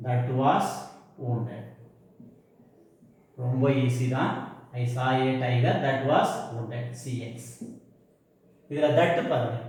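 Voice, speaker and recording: A man teaching grammar in a classroom lesson. He explains in Tamil, asks and answers his own questions, and reads English example sentences slowly, word by word. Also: medium pitch, darkish tone. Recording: very echoey room.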